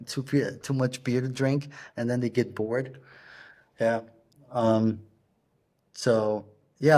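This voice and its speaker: A middle-aged man, a punk rock singer, talking as a guest in a casual interview, halting and searching for words as he tells stories. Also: mid-range voice, darkish tone.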